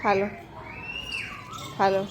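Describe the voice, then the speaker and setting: A woman casually vlogging as she feeds her birds and pets outdoors, talking to them in a fond, coaxing way. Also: very slow. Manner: fond, coaxing talk to animals. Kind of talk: casual vlog commentary. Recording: noisy outdoor ambience.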